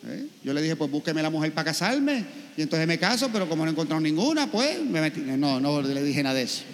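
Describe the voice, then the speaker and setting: A man preaches in a high voice, telling stories and acting out what people say to him. His sermon rings with the long reverb of a church. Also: very animated, fast. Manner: storytelling with acted quotes and rhetorical questions. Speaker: priest.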